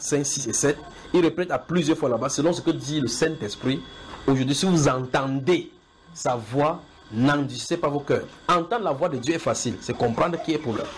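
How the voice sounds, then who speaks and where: A man's voice: a little high, brisk, a little hiss or hum, poor audio. A man preaching a sermon in a house church, often repeating his points and asking his listeners whether they follow. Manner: repetitive, questioning the listeners directly.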